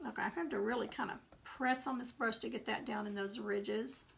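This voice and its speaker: A Texan woman with a somewhat high, gravelly, fairly bright voice runs a live painting tutorial from her craft workspace. She talks fairly quickly with fairly even intonation, rambling casually and drifting into homey asides.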